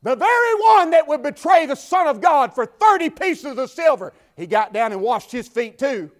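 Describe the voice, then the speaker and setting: A pastor with a Southern US accent preaches from a church pulpit at a moderate pace, his very high voice swinging widely in pitch. He builds to fervent shouts, then drops back to quiet talk.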